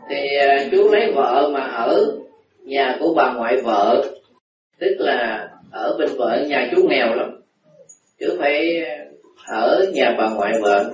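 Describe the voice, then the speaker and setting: A man's voice: a little high, a little hiss or hum. A man, a Buddhist monk giving a dharma talk, telling folksy anecdotes and acting out voices with laughter. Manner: folksy storytelling, acts out voices, frequent laughter. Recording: echoey, distant, muffled hall recording.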